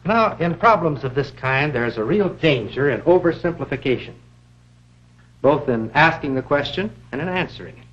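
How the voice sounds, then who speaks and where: A middle-aged American man delivers an educational lecture on a 1950s film soundtrack, measured and deliberate, with rhetorical questions. His voice is a little high with lively intonation and a breathy edge, and the recording is muffled.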